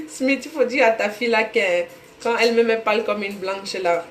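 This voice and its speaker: A woman's voice: a little high, a little slow. Chatty Cameroonian woman cooking live. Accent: Cameroonian French. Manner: chatty, greets viewers by name. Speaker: cooking livestream host. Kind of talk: casual live cooking chat. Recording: roomy echo, faint room noise.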